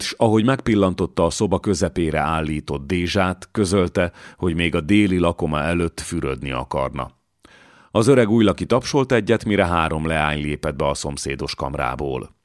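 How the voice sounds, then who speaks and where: A man reading a historical novel as an audiobook narrator, in a measured, dramatic way. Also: deep voice, no room sound, studio quality. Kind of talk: scripted narration.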